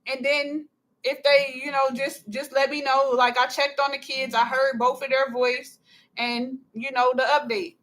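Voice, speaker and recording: A woman's voice: high-pitched, level tone, unhurried, a bit bright. An upset, anxious woman, a mother on a phone call, pleading insistently and repeating herself. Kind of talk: emotional phone conversation.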